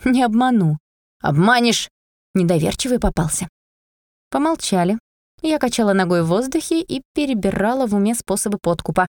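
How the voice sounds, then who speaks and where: A woman reads a first-person fantasy audiobook in a lively, expressive way. Her voice sits at a middle pitch, and the recording is dry and close, with no room sound. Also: a little fast, no room sound. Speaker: audiobook reader.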